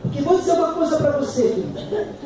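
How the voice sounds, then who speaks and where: A middle-aged man with a Brazilian Portuguese accent, preaching a sermon as pastor, fervent and building to loud emphatic peaks. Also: very high voice, fast, crowd noise. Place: church hall. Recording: echoey hall, distant mic, noisy.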